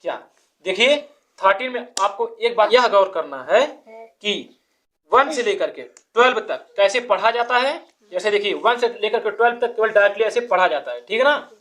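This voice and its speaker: A woman's voice: medium pitch, lively intonation, normal speed, fairly bright tone. A woman teaching a child to count, patiently asking quiz questions and counting numbers aloud step by step.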